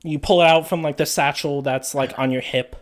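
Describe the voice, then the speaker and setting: A man's voice: a little high, fairly even intonation, brisk. A man narrating as game master, describing scenes in a loose, meandering way.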